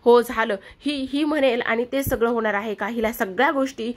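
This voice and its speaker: A woman's voice: on the high side, fairly quick, lightly acted. A woman reading the lines of a panicked middle-aged aunt who keeps repeating her frantic protests.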